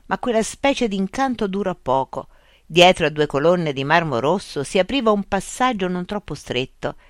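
A narrator reading a children's adventure story aloud in a lively, expressive way. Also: medium pitch, normal speed, no room sound, studio quality.

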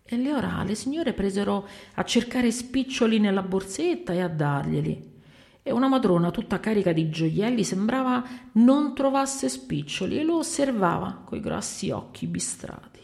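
A woman reading a short story aloud in an expressive storytelling manner. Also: medium pitch, normal speed, creaky.

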